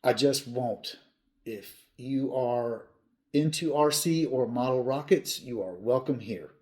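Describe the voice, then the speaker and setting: Here the same kind of host, a man in his fifties on a hobby channel, speaks slowly in a darkish, mid-range voice. He addresses viewers casually and earnestly, plain in his wording and emphatic through repetition.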